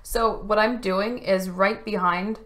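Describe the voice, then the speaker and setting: Woman rambling to her camera at home, emotional and chatty, normal mid pitch. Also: fairly even intonation, slow, fairly bright tone. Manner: emotional, chatty, choking up at times. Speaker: video reviewer. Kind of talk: casual chat. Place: home room. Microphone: camera facing speaker.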